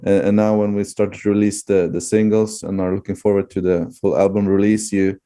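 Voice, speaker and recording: A man's voice: fairly low pitch, little pitch movement, brisk, dark tone. A man with a Swedish accent chatting casually as an interview guest, hesitant and often searching for words. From Sweden.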